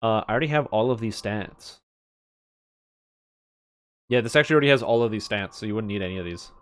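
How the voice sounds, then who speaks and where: This man's voice is fairly low and a little fast. Commentating casually on a live game stream, he mutters his way through item stats as he thinks aloud, cursing occasionally.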